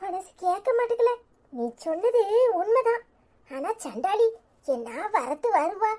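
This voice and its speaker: A woman voicing a grieving, bitter older mother-in-law who laments slowly, with a Tirunelveli Tamil accent. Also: lively intonation, warm tone. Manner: low, heavy, slow lament.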